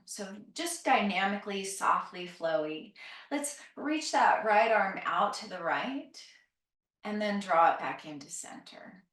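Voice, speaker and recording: In a roomy, echoing space, a woman speaks at a slow pace, guiding a calm grounding exercise as a yoga teacher. Her instruction is gentle and encouraging, with softly trailing phrase endings. The microphone sounds set back from her. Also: mid-range voice, recorded from a distance.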